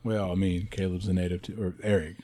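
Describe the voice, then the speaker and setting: A man's voice: low voice, little pitch movement, fast, warm tone. A man playing in a tabletop game, laid-back and joking with the group. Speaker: player. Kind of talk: casual tabletop play.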